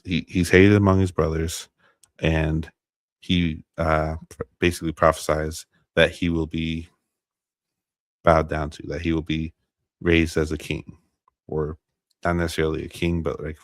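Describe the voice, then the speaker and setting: A man's voice: very deep voice, no echo. An American man teaching on a Bible story on a stream, reading scripture aloud with many fillers and restarts and stopping over hard names. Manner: halting, many fillers and restarts, unsure of pronunciations.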